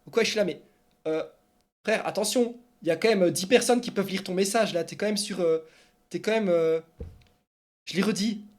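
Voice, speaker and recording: A man's voice: sits high, normal speed, long pauses. A man, streaming esports news and answering viewers in casual, rambling chat full of fillers. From Belgium. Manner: chatty and animated, rambling with many fillers.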